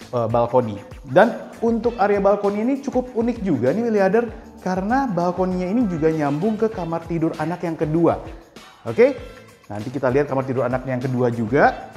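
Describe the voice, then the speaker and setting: A man's voice: fairly high pitch, darkish tone. A man presenting a property on a walking house tour, talking upbeat and straight to the viewers. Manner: upbeat, addresses viewers directly. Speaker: real estate house tour host.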